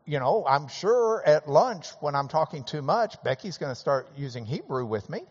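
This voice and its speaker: A man teaching a Bible class, animated and conversational with folksy asides. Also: on the high side, moderate pace. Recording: reverberant hall, dull lo-fi sound.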